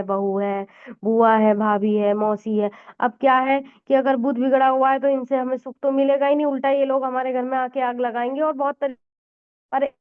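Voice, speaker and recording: A woman astrologer giving a conversational astrology lesson, explaining with frequent fillers and mixed-in English words. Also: on the high side. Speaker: Vedic astrologer teacher. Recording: tinny phone-like audio.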